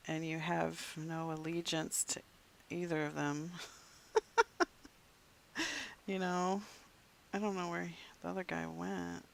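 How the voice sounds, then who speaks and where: A game streamer chatting casually to viewers while playing, rambling along and dropping into soft muttered asides. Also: medium pitch, creaky. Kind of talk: casual gameplay chat to viewers.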